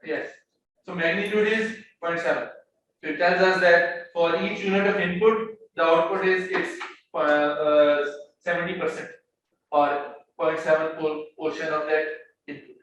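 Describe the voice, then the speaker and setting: An economics lecturer with a fairly high, steady, fairly bright voice speaks unhurriedly to his class. He explains step by step, mixes in Hindi-Urdu phrases with English, and repeats words while finding the next one. The sound is very echoey, the mic far away, with faint background noise.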